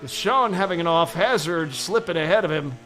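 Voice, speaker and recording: A man calling a sim racing event as play-by-play commentator, excitable and quick to exclaim. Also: fairly high pitch, soft background music.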